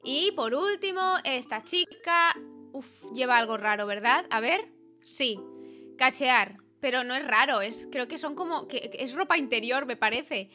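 A woman's voice: high voice, lively intonation, unhurried, bright, forceful tone. Young woman, gaming commentary, chatty, playful, close mic, faint background music. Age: young adult. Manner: chatty, playful, reads game dialogue aloud. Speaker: gaming youtuber. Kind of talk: casual game commentary. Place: small bedroom with purple light. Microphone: studio mic on arm, close.

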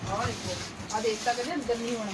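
A woman chatting casually in a home vlog, animated and repeating herself as she coaxes. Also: on the high side, fast. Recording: very noisy home phone recording.

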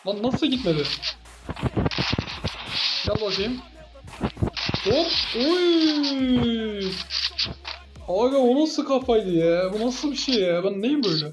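A man giving excitable gameplay commentary as a gaming YouTuber, teasing his opponent with playful trash talk. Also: high-pitched, a little slow, pauses often, loud music behind the voice, poor audio.

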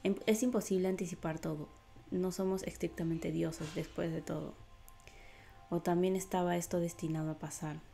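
Low, gravelly prophet-knight with an even, flat delivery, as a woman reader puts him on.

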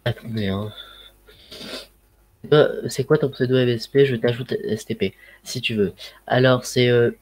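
A man's voice: medium pitch, measured pace, pauses often, a little mellow. A man with a Ch'ti accent chatting casually on a livestream through a headset mic, rambling with lots of fillers and slang. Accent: Ch'ti (northern French). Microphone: headset microphone.

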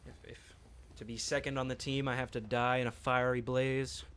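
A man's voice: medium pitch, flat delivery, moderate pace, fairly bright tone, clear, resonant tone. A man giving casual let's-play commentary, rambling and joking to himself while he plays. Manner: rambling, joking, talks to himself mid-game. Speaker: gameplay commentator.

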